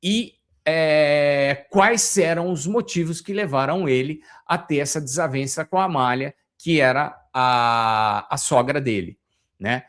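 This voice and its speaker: A man's voice: on the high side, a little slow, fairly bright tone. A man with a Brazilian Portuguese accent, hosting a casual, opinionated commentary with many filler restarts. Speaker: host.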